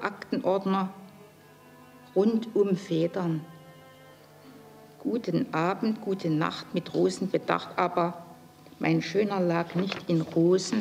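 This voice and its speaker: A woman giving a calm, measured scripted literary reading. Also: mid-range voice, vocal fry. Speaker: reader.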